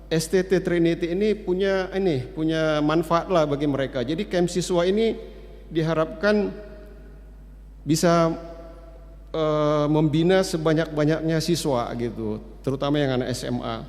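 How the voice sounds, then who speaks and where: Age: about 60. Sex: man. Role: church announcer. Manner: chatty, hesitant, with frequent fillers. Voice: fairly high for a man. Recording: long church-hall reverb. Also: a little slow, a little mellow.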